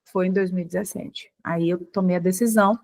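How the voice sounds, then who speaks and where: A woman's voice: lowish voice, fairly even intonation, fairly quick, creaky, darkish tone. A Brazilian woman hosting an online class, talking emphatically and stretching out the words she stresses. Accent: Brazilian Portuguese. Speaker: class host and teacher.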